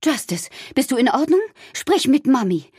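A woman voicing an upset, scolding mother in a read-aloud story, her voice husky. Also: medium pitch, very animated, normal speed, warm tone, no room sound, studio quality. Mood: alarmed.

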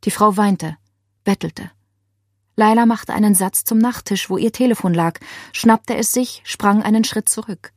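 Husky-voiced woman reading a thriller. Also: medium pitch, a little slow, no room sound, clean studio sound. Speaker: audiobook reader. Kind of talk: scripted narration of a thriller.

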